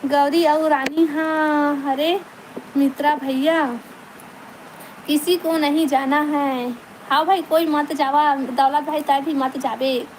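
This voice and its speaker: A woman's voice: high voice, steady tone, slow, darkish tone, a little hiss or hum, rough recording. A woman with a Chhattisgarhi accent, chatting casually on her live stream, greeting viewers by name and laughing often, on a phone mic. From Chhattisgarh, India.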